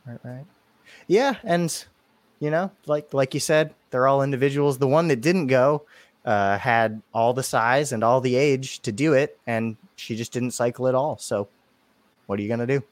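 A man's voice: medium pitch, moderate pace, no echo. Casual male podcast guest, easygoing, laughing, dry close mic. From San Francisco Bay Area. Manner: laughs often, relaxed and chatty. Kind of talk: casual chat.

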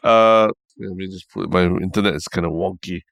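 A man's voice: low voice, fairly even intonation, a little fast, creaky, fairly bright tone, dry recording, clean studio sound. A man with a Singaporean accent chatting casually as co-host of a podcast. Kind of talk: casual chat.

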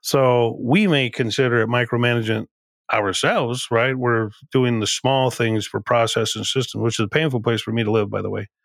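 Gravelly man giving emphatic business advice. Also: medium pitch, a little fast, fairly bright tone, no echo. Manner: emphatic, repeats and restarts phrases. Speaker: podcast guest, business CEO. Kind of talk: conversational podcast interview.

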